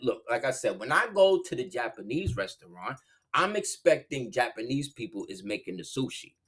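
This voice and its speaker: Casual solo host, man, animated, pitch swinging from low murmurs to high bursts. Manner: animated, swings between low murmurs and loud laughing outbursts. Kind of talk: casual monologue.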